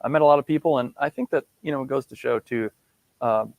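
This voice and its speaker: A man's voice: mid-range voice, quick pace, a little mellow, dry recording. A man chatting as a podcast guest, friendly and enthusiastic, laughing easily. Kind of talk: casual podcast interview.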